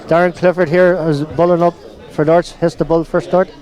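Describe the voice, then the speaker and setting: A man's voice: on the high side, little pitch movement, moderate pace, darkish tone, poor audio. A man giving conversational live commentary on a darts match.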